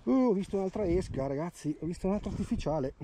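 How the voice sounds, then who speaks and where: A man's voice: high voice, very fast, a little hiss or hum. A man magnet fishing by a river, chatting through his finds in a casual vlog and repeating words when something turns up. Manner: excited, repeats words while pointing out finds. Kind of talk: casual outdoor vlog commentary. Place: outdoors by a river.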